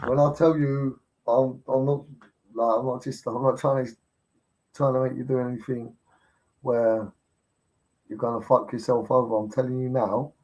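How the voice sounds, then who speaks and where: A man talks straight into his stream, blunt and pushy, with curses scattered through nearly every sentence. His pitch sits right in the middle for a man. He keeps hammering the same point with insistent energy. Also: darkish tone, highs cut off. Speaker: livestreamer. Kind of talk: casual live-stream rant.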